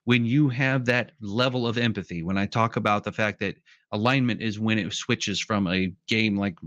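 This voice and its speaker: Animated man, dull dry recording. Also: on the low side, moderate pace, dry recording. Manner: animated storyteller who acts out quotes. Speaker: podcast guest. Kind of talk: casual conversation.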